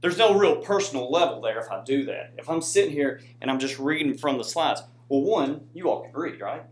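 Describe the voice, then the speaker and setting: An American man with an expressive, fairly quick, medium-pitched voice presents in an echoey room, with slight background noise audible. A soldier and student presenter, he gives an informal classroom presentation with slides to an indoor audience, chatting conversationally and adding frequent "right?" tags.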